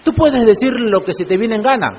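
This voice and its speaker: A man's voice: sits high, expressive, a little fast, husky. A male pastor preaching a sermon in church, often putting rhetorical questions to the congregation. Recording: echoey church hall, muffled lo-fi sound.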